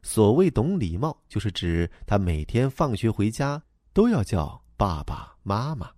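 A man's voice: fairly low pitch, big pitch swings, unhurried, darkish tone, no echo, studio quality. A man reading a storybook aloud as narrator, in a wry, playful way.

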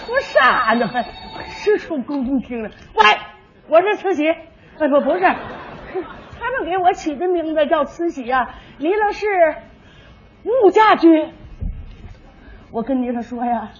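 An older woman, playing a brash, sharp-tongued old country woman in a stage comedy sketch. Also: sits high, expressive, slight background noise. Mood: grumbling. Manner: brash, quick comebacks, folksy. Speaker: comic sketch actor. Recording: dull lo-fi archive with faint music.

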